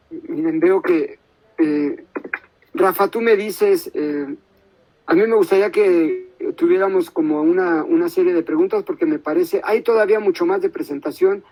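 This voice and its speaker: A man lecturing over a video call. His voice sits a little high and has a gravelly, fry-laden texture. He thinks aloud in a measured way, pausing often and checking in with his listeners. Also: a little mellow, low-quality recording. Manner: thoughtful, many pauses and tag questions. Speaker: guest lecturer.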